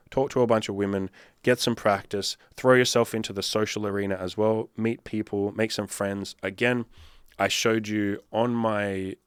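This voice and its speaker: A man's voice: on the low side, clear, resonant tone, no echo, clean studio sound. A man in his thirties, a dating coach giving blunt, profane, fired-up advice in a casual monologue. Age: 30s.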